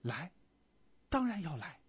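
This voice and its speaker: An anxious old woman, as a man puts her on pleads in a raised, husky voice with lively swings of pitch. The sound is dry and close. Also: unhurried, no echo, lo-fi sound, heavily acted. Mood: pleading. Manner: pleading, tearful questions.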